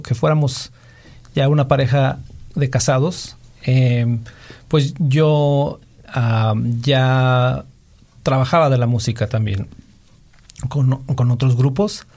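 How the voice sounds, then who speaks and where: A man from Mexico, a musician telling his story in a casual interview with relaxed fillers. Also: mid-range voice. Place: Chicago.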